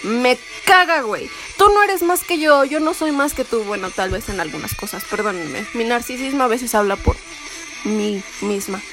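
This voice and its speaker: A woman's voice: medium pitch, lively intonation, normal speed. A young woman with a Mexican Spanish accent, ranting heatedly and sarcastically in a vlog, swearing often. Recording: music playing behind the voice.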